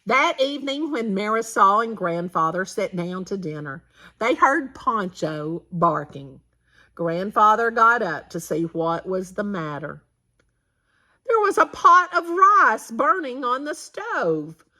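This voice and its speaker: A woman reading a children's picture book aloud for storytime. Her voice is bright and clear, and she takes the story at an unhurried pace. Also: medium pitch, animated. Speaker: storytime reader.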